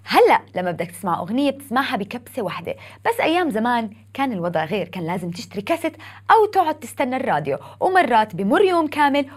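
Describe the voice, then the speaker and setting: A woman's voice: fairly high pitch, sing-song, rapid-fire. A woman with a Levantine Arabic accent narrating a scripted podcast in a playful folk-tale storytelling manner, with rhyming phrases. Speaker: podcast host. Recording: music playing behind the voice. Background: music.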